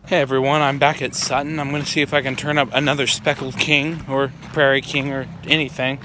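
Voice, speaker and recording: A man's voice: medium pitch, little pitch movement, a little fast, pushed and bright, rough recording. A young man narrating a wildlife vlog in the field, talking casually and enthusiastically into a handheld phone. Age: young adult. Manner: informal, enthusiastic, addresses animals as buddy. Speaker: wildlife vlogger. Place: outdoors in woods and by ponds. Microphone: handheld phone at arm's length. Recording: outdoor handheld recording with background noise.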